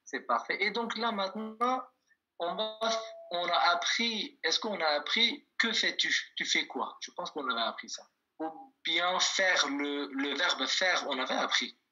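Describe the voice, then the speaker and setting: A man teaching an online language lesson, patiently repeating words slowly and checking that his students follow. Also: on the high side, bright, forceful tone, faint music behind. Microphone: video call. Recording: dull lo-fi video call audio.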